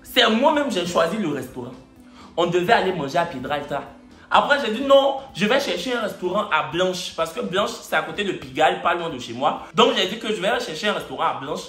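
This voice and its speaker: A man from Côte d'Ivoire telling a story in casual, lively storytime style, in an echoey room with faint music. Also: sits high, brisk. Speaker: storyteller vlogger.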